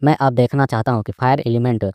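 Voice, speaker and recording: An eager young cultivator thinks aloud and coaxes playfully , voiced by a male recap narrator. The delivery is fast and the sound dry and close. It stays near an everyday man's voice. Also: mid-range voice, fairly even intonation, a little mellow, no room sound, close to an everyday voice. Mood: musing. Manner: earnest inner musing, coaxing.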